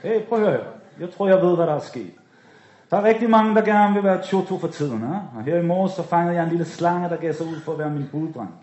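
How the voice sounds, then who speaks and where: A man's voice: on the high side, a little mellow, close to an everyday voice. Man playing a slick street dealer. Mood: sly. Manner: slick and coaxing. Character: smooth-talking male street dealer, slick and sly. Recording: dull echoey room recording.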